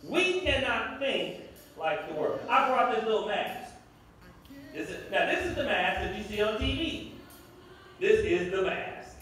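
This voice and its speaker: A man's voice: sits high, expressive, a little slow, fairly bright tone, slight background noise. A man in his fifties preaching a sermon as pastor, emphatic and repetitive, heard from a distance in an echoey room. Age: 50s.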